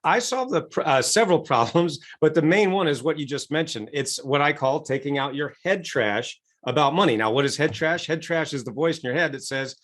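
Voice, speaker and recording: An enthusiastic American man speaking as a coach, his fairly high voice bright with motivation. He acts out quoted inner voices as he explains, heard over a remote call microphone. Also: animated, brisk, hardly any pauses. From United States. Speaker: guest coach. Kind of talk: energetic interview answers.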